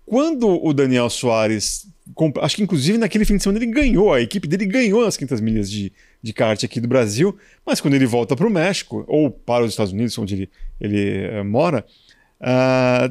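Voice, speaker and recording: A man from Brazil trading motorsport stories in a relaxed conversation. His pitch swings widely as he animates each anecdote, and the sound is dry and close with no room around it. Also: brisk, no room sound. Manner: lively, animated anecdote telling with colloquial asides. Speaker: motorsport journalist. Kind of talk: casual storytelling in a conversation.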